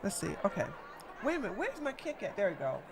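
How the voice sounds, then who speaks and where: Over background noise and a crowd behind her, a livestream host talks fast with huge swings in pitch. She reads her viewers' messages, greets them with loud, high exclamations, and laughs often while teasing the chat.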